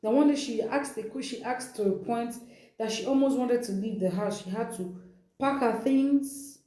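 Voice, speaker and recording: In an echoey room, a woman with a Nigerian accent hosts a dramatic retelling of someone's account. Her voice sits on the high side with a dark tone, and she speaks at a moderate pace. She is emphatic and repeats phrases for effect.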